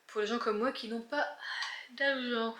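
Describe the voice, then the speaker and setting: A woman's voice: a little high, a little slow, slight background noise. A young woman from northern France with a northern French accent, chatting casually in a book vlog with lots of fillers. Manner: chatty, animated, many fillers. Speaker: book vlogger.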